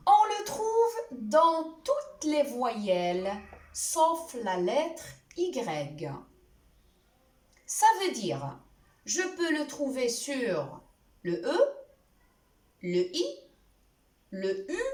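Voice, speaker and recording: A woman teacher walks through a spelling lesson at a very slow, careful pace, naming letters one at a time. Her voice is high and lively. It sounds a little distant, in an echoey room.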